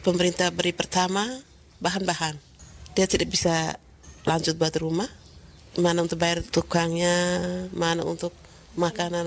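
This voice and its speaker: Woman, flat monotone delivery, matter-of-fact, faint noise. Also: on the low side, vocal fry. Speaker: interviewee, community member. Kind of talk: conversational testimony.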